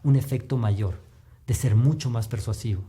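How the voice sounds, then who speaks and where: A man giving a recorded lecture on communication, explaining patiently and shifting his pitch up and down to demonstrate. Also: moderate pace, warm tone, a little hiss or hum. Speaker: communication instructor.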